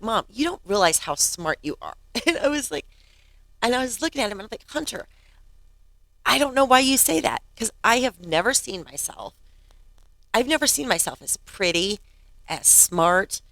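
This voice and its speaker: A woman's voice: medium pitch, big pitch swings, normal speed, creaky, a bit bright, dry recording. A woman in her fifties hosting her podcast, telling a story in a casual chatty way, often laughing and acting out what others said. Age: 50s. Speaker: podcast host.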